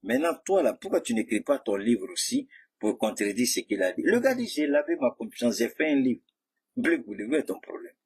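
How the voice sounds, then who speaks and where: A man's voice: medium pitch, sing-song, fairly quick, breathy edge. A man giving a heated, mocking political commentary, speaking straight at his rivals. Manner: mocking, combative, addresses rivals directly.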